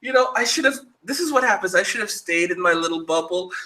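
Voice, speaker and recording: A man's voice: high-pitched, animated, fast talker, sharp tone, roomy sound, rough recording. A man hosting a casual podcast, reading viewer comments aloud with crude jokes and frequent laughter. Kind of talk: casual chat.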